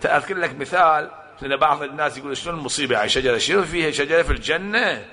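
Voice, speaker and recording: Male preacher, somewhat high-pitched, animated storyteller with a sharp, bright tone. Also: racing. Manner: animated storytelling with acted-out quotes and rhetorical questions. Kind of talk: sermon to a congregation.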